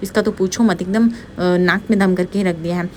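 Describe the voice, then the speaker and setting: A woman voicing a sharp-tongued middle-aged mother in a fast serial recap. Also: fairly low pitch, steady tone, slight background noise, lightly acted. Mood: scolding.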